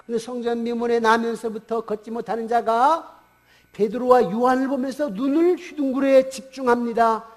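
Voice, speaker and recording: A man's voice: extremely high pitch, fairly even intonation, moderate pace. A male pastor giving a Sunday sermon in a church, retelling a story and asking the congregation rhetorical questions. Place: church sanctuary.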